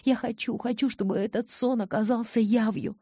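A woman's voice: fairly high pitch, steady tone, normal speed, dark tone, slightly rough, no echo, studio quality, pitched above the performer's own voice. A woman reading an audiobook and voicing a tearful young woman who pleads, her voice breaking with sobs. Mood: pleading.

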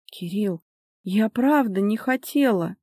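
A woman voicing a timid young girl who speaks softly and tearfully, pleading. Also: on the low side, animated, moderate pace, husky, no echo, clean studio sound.

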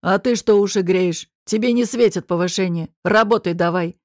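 A woman reading an audiobook voices a bullying male restaurant boss who barks threats in a lowered, slow voice. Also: a little mellow, no echo, clean studio sound, natural voice. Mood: scolding. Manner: barking, threatening.

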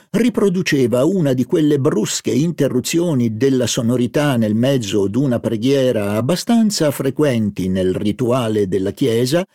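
A male narrator reading a literary novel in a slow, measured manner. His voice is dark and mellow, recorded dry and close with no room sound. The delivery is deliberate and even. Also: mid-range voice, dry recording. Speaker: audiobook reader. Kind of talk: scripted narration.

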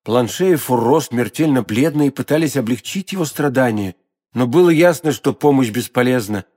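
A man narrating a classic adventure novel in a dramatic, expressive read. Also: medium pitch, normal speed. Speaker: audiobook narrator.

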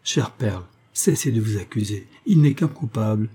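A man's voice: on the low side, lively intonation, moderate pace, dark tone, breathy edge. A man reading aloud, voicing a feverish, devoted young hero who speaks with exaltation. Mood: fervent. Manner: fervent, exalted.

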